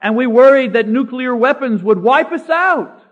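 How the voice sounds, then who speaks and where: A man preaching a sermon, slowing down to stress key words and citing scripture by chapter and verse. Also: extremely high pitch, animated. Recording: dull lo-fi recording.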